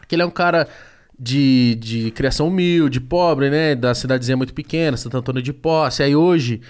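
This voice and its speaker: A man's voice: medium pitch, normal speed. A man as a guest in a casual chat, telling stories animatedly and acting out quotes. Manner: animated storyteller, acts out quotes.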